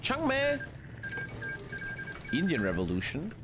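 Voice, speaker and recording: Swearing streamer with lively pitch. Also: male voice, slow pace, noisy background. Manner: swearing, chatty, reading chat aloud. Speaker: game streamer. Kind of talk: live strategy game commentary. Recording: faint music behind.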